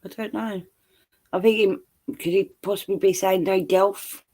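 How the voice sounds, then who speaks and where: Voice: mid-range voice, steady tone, normal speed, dark tone. A co-host chatting casually on a livestream, teasing and laughing often. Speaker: stream co-host. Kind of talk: casual stream chat.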